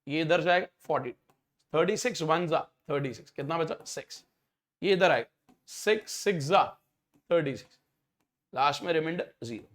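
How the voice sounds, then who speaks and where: High-voiced man teaching maths. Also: moderate pace, pauses often, a bit bright. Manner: explains step by step, often checks if students follow. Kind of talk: exam-prep maths lecture.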